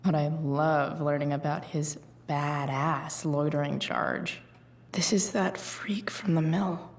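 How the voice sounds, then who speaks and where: An actress voices a tough, guarded, foul-mouthed teenage girl in a video game, muttering in a husky, halting way. Her voice is deep with fairly even intonation, and she sounds suspicious.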